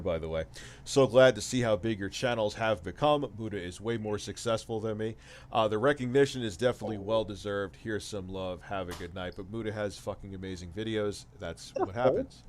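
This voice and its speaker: A man's voice: fairly low pitch, fairly quick. A man in his forties hosting a casual livestream chat, reading viewer messages and ranting with lots of swearing. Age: 40s. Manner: swears a lot, animated rants.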